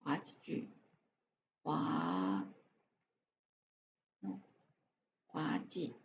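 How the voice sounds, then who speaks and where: Slow, halting woman reading. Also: a bass voice, big pitch swings. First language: Chinese. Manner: stumbles and repeats words, sounding them out slowly. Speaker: English learner reading aloud. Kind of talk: halting read-aloud practice with spoken translations. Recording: dull lo-fi live-stream audio with faint noise.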